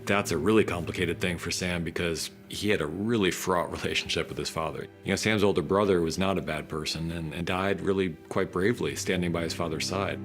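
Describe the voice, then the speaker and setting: A man's voice: low voice, steady tone, a little fast, few pauses, faint music behind. A man giving behind-the-scenes interview commentary on a drama series. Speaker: series creator commenting on episode.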